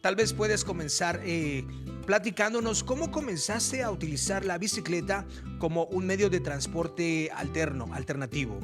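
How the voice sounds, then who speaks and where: A man's voice: high voice, lively intonation, moderate pace. A man hosting a community news segment and interviewing a guest in a friendly way. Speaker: news host. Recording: guitar music underneath.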